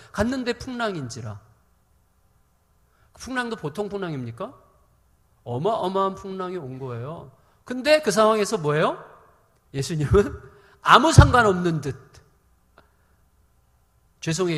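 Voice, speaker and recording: A man preaching a sermon as pastor, animated and humorous, acting out the voices he quotes. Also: high voice, long reverb tail.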